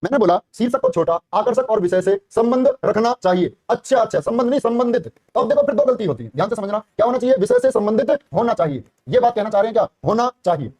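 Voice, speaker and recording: A man teaching a live online exam class, quizzing students quickly and repeating every answer. His voice sits high and mellow, and his talk is rapid. The sound is dry and close, with no room around it. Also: expressive, dry recording. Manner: encouraging praise, calls students brother and child. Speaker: Hindi teacher for police exam prep.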